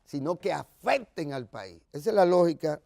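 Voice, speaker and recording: A man with a Caribbean Spanish accent from the Dominican Republic delivers news commentary. His voice sits fairly high and has a strong gravelly fry, recorded dry and close. He talks conversationally, leaning hard on key words and wandering off into asides. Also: lively intonation, normal speed, mellow, dry recording. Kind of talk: news commentary, partly reading aloud.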